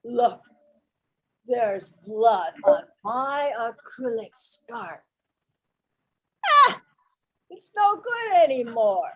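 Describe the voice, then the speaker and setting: An actress playing a feisty, loving old grandmother in a stage play, speaking broken English and swinging between shouts and hushed murmurs. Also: on the high side, sing-song, drawn-out words, pauses often, husky, full character voice, poor audio. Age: older. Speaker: actor. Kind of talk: live-streamed stage play.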